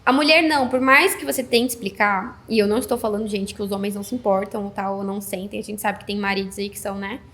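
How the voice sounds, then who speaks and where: A woman in her thirties chatting casually as a podcast guest, telling a story with lively acted-out dialogue. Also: mid-range voice, fast talker, few pauses. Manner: animated storytelling, acts out quoted dialogue. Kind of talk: casual chat.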